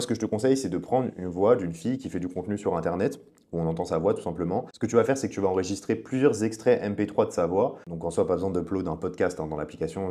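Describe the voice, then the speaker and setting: A man's voice: low voice, dark tone. A man giving a casual, chatty tutorial as a coach, speaking directly to the viewer. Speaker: online business coach.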